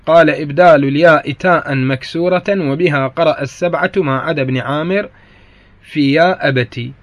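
A man with an Iraqi Arabic accent gives a grammar lesson in a voice that sits a little high. He walks through each point, says key phrases twice and stops to correct himself. The sound is close and dry, with no room echo. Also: a little fast. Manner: corrects himself mid-sentence. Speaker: grammar teacher.

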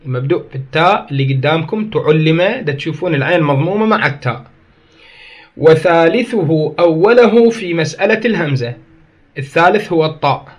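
A man with an Iraqi accent teaching Arabic grammar as a lecture, slowly repeating key phrases for emphasis. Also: fairly high pitch. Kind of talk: explanatory lecture. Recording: dull lo-fi recording.

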